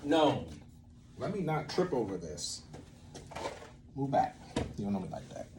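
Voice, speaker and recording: A theatre maker presenting a series on creative methods gives an improvised, informal tutorial, rambling playfully, thinking out loud and making asides to himself. His medium-pitched voice is very animated and measured in pace, and the recording is very noisy.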